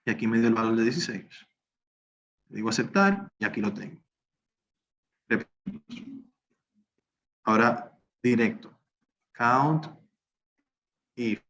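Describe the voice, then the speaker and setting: An instructor leads a recorded spreadsheet class, narrating each step as he works on screen. His mid-range, slightly bright voice is animated yet unhurried, with frequent pauses, and the slightly dull lo-fi recording carries faint noise.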